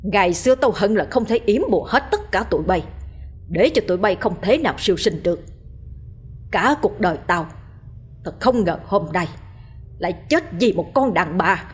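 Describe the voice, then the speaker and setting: A woman's voice: medium pitch, animated, normal speed, long pauses, breathy edge. A woman voicing a cruel, vengeful older man, a sorcerer who snarls threats through gritted teeth. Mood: snarling threats.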